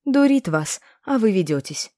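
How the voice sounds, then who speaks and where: A woman's voice: mid-range voice, sing-song, normal speed, mellow, no room sound, studio quality, pitched above the performer's own voice, lightly acted. A woman voicing a bold young witch who talks in a sly, mocking way, in an audiobook. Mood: scornful.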